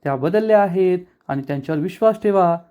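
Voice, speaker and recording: A man's voice: high-pitched, fast, mellow, clean tone, pitched above the performer's own voice, natural voice. A man voicing a wary, stubborn young husband from a TV serial, dry and doubtful.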